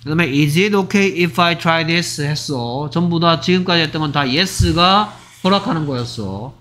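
A man teaching English to middle school students, repeating example phrases slowly and acting out short dialogues. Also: fairly high pitch, pushed and bright. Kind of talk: exam-prep lecture.

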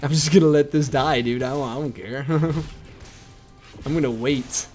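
A young man casually commentating his own game, excitable and whooping at big plays, chatting to his viewers as boys and dudes. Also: fairly high pitch, a little slow, faint music behind. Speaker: gameplay commentator.

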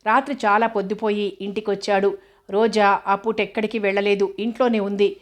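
A woman narrating a novel as an audiobook, with a steady, even reading. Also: medium pitch, brisk.

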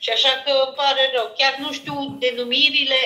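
Woman, high voice, roomy echoing kitchen, chatty and animated. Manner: chatty, animated, quick to exclaim. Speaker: home cook and vlogger. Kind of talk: casual family chat.

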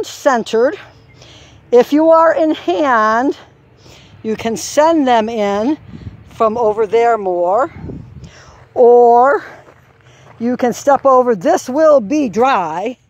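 Walking an outdoor farm trail course, a woman explains each obstacle while calling out steps and the trot rhythm, filmed on a handheld camera with faint farm sounds behind her. Her fairly high voice is expressive and a little mellow, slow with long pauses.

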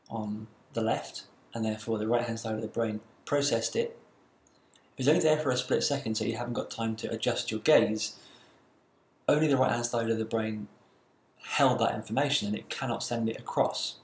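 A man giving a recorded university lecture, explaining in a measured way with occasional fillers. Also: medium pitch, roomy sound, a little hiss or hum.

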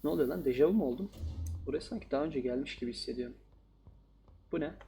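A man's voice: a little high, quick pace, creaky, dark tone, soft background music. A man playing a horror game and commenting casually, joking and talking back to the characters on screen. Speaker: gaming YouTuber.

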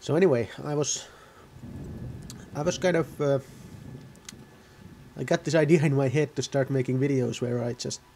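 Male gamer host, rambling casual commentary, gravelly voice with a dark tone, faint game music underneath. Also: mid-range voice, fairly even intonation, moderate pace, pauses often, slight background noise. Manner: rambling, self-correcting, offhand. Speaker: gaming video host.

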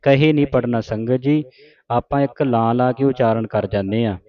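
A man teaching the correct pronunciation of scripture, chanting lines slowly and then explaining them plainly. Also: medium pitch, steady tone, highs cut off. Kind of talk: slow recitation lesson.

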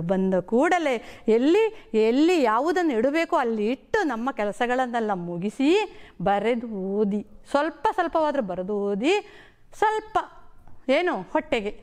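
A middle-aged woman teaching a primary school lesson on television, asking the children questions and explaining words in a sing-song storytelling way. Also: high voice.

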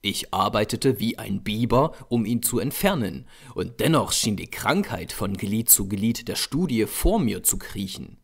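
A man narrating a horror audiobook in a measured, expressive storytelling manner. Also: lowish voice, vocal fry, breathy edge.

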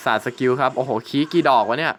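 A man's voice: medium pitch, racing, fairly bright tone, a little hiss or hum. A young man hosting his gaming channel, chatting casually through gameplay and swearing and exclaiming at the game.

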